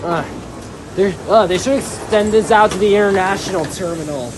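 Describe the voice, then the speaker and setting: A woman's voice: mid-range voice, moderate pace. A woman making casual, musing vlog remarks in short fragments, filming on a handheld phone. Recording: very loud train and ambient noise.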